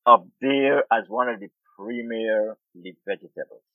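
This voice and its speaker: Being interviewed about farming, a middle-aged Guyanese man who is an urban farmer and food activist speaks in a lowish voice at normal speed. He is thoughtful and often repeats words while searching for them. The tinny phone-like line carries no echo.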